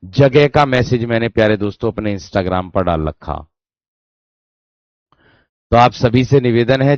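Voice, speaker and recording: A man's voice: medium pitch, darkish tone, no echo. A man teaching a Hindi grammar class online, who keeps addressing students as dear friends and repeats his phrases. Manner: demonstrates sounds aloud, repeating syllables. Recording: dull dry lo-fi sound.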